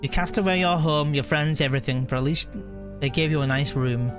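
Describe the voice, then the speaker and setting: This man's voice sits on the high side, and music plays in the background. He's live streaming a video game, chatting casually and haltingly reading on-screen text aloud, with frequent self-corrections.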